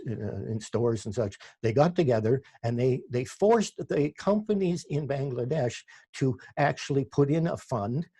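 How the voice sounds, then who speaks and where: Man, Canadian accent, husky, mellow, halting, interview guest. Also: medium pitch, dry recording. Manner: halting, many restarts and repeated words. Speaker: radio producer and host, guest. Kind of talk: casual interview talk.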